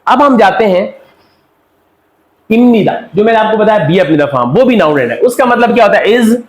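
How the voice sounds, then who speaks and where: A man with a high voice teaches a Korean language lesson, constantly asking the class questions and supplying the answers. The recording carries a roomy echo from the classroom. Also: animated, normal speed. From Pakistan. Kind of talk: classroom lecture.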